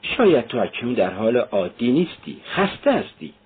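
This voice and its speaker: A tense young woman keeps her worry in check, as a male narrator reads her lines. The voice is husky. The sound is narrow and tinny, like a phone line. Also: medium pitch, very animated. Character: young woman, anxious sister, restrained.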